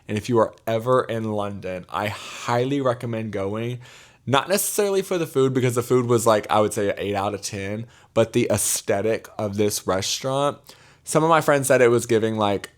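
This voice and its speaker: A young man with a Mississippi accent telling travel stories in a casual, chatty vlog style, with gossipy, emphatic asides to the viewer. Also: fairly low pitch. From Mississippi, United States. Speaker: travel vlogger.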